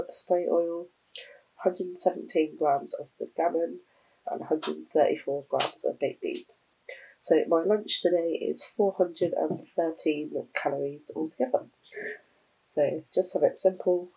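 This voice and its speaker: A woman's voice: lowish voice, vocal fry, a little mellow, slightly rough, rough recording. A young woman vlogging in a casual, rambling way, chatting to the camera about her day with small laughs.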